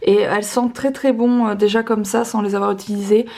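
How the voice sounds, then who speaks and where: A woman's voice: medium pitch, steady tone, a little fast, vocal fry, mellow. A young woman chatting casually in a home vlog, upbeat and full of fillers as she unboxes a parcel. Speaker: family vlogger. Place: at home, indoors.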